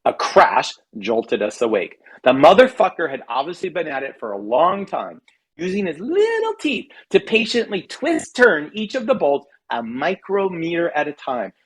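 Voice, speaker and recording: Fairly high-pitched and husky, an American man from California reads his own comic essay aloud. It is humorous storytelling with a wry, mock-dramatic tone.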